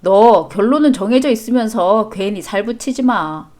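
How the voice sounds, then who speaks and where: A woman's voice: mid-range voice, lively intonation, moderate pace, a little mellow, close to an everyday voice. A woman voicing a defensive young husband in a storybook chat drama, talking back with a sneering edge.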